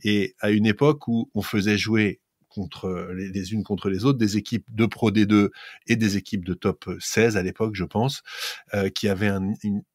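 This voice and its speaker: A man's voice: lowish voice, little pitch movement, moderate pace, darkish tone, no echo, studio quality. A man, a former rugby player and regular of the show, telling a rambling anecdote with self-deprecating humor. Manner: rambling, laughs at himself. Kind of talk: casual storytelling.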